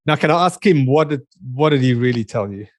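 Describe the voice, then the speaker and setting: A man's voice: medium pitch, brisk, dry recording, studio quality. Joking man with a South African-Aussie accent. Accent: South African and Australian. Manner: jokey, relaxed, laughs easily. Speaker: podcast host. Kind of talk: casual interview chat.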